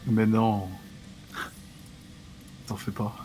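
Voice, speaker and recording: A man's voice: fairly low pitch, monotone, very slow, mellow, a little hiss or hum. A young man guiding a friend through a survival game, teasing him with dry, crude jokes. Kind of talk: casual gaming banter.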